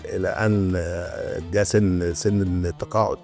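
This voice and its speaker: A man in his sixties with an Egyptian Arabic accent, a retired antiquities restorer explaining his craft in a casual interview, often pausing and restarting mid-sentence. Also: sits low, level tone, darkish tone, faint music behind. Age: 60s. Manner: storytelling, explaining with many hesitations and restarts.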